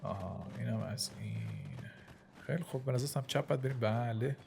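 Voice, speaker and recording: A man giving casual, excitable gameplay commentary, often dropping to a whisper while sneaking through the game. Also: medium pitch, gravelly, background noise. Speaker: gaming channel host. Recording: game music playing behind the voice.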